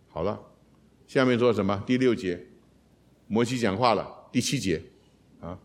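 A middle-aged man teaching a sermon on scripture as a seminary teacher, animated, acting out quoted lines with sudden jumps in pitch.

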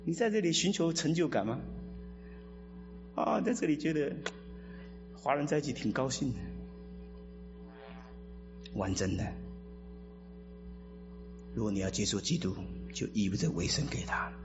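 A male pastor giving an animated sermon, full of rhetorical questions and acted-out voices. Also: on the high side, measured pace, pauses often. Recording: reverberant hall, dull lo-fi sound, faint music.

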